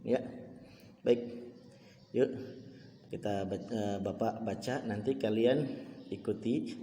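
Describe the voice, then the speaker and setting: Calm male teacher in an echoey room. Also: fairly low pitch, a little hiss or hum. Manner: chants verses slowly and loudly, explains calmly. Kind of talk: religious lesson for children. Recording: echoey room with long reverb.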